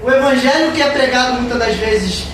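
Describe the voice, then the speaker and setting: A woman preaches a sermon in a church hall, emphatic and repetitive, her voice a little high and a little fast. The recording is noisy, with crowd noise, and was captured from far off in an echoey hall.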